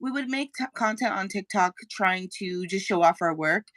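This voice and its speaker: A woman's voice: mid-range voice, moderate pace, fairly bright tone, dry recording. A woman from Colorado, a guest being interviewed about her magazine over a video call, bubbly and giggly.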